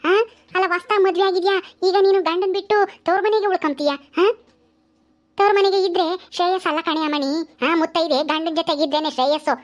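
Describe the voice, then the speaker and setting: Brief: woman as a scolding village mother, high-pitched, fond of disgusted exclamations. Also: fast talker. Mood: lecturing. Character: scolding middle-aged village mother, sharp-tongued.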